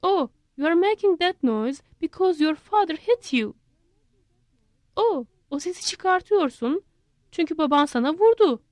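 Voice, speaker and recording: A woman's voice: lively intonation, measured pace, darkish tone, no room sound. A woman voicing a fussy, talkative male monkey who keeps asking questions. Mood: curious. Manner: high, prodding questions.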